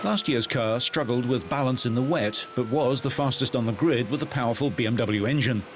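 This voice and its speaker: A man reading scripted motorsport news narration in a measured, even delivery. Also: mid-range voice, noisy background. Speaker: news presenter.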